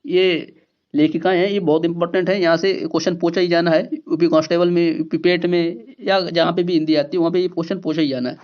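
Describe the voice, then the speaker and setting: A man with a fairly high voice teaches an exam-prep grammar lesson. He goes through each point slowly, repeating key words and asking questions back to the class. The recording sounds dull and lo-fi. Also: level tone. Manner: explains step by step, repeats key words, asks rhetorical questions.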